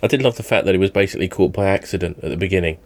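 A man's voice: low-pitched, rapid-fire. A man taking part in a casual film chat.

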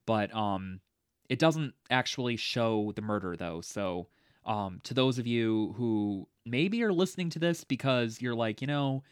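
A man's voice: lowish voice, animated, unhurried, smooth, no room sound. Chatty guy on a podcast, lots of ums and likes, laughs a bunch, dry close mic. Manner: chatty, laughs often, many fillers. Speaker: podcast co-host. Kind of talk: casual movie discussion.

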